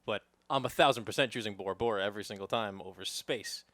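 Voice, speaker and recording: A man's voice: fairly low pitch, quick pace, fairly bright tone, no echo. A man with a New York accent co-hosting a podcast, teasing his friend with hypothetical questions in casual banter. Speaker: podcast co-host.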